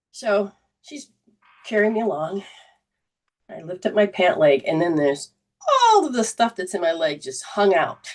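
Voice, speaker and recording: A woman soul coach telling a personal story in a coaching talk, animated and full of restarts. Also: mid-range voice, recorded from a distance.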